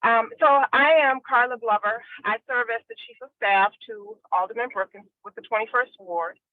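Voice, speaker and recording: A woman's voice: on the high side, moderate pace, dry recording. Woman on a tinny car speakerphone. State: driving while speaking. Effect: phone call from a car on speakerphone. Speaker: chief of staff to a city official. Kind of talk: formal statement at a public hearing. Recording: tinny, dry phone line.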